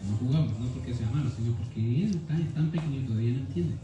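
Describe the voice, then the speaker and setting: A man's voice: medium pitch, fast talker. Man preaching in an echoey room. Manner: teaching, asks listeners "¿ya?" often. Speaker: pastor. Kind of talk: sermon. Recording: echoey room, distant mic, faint noise.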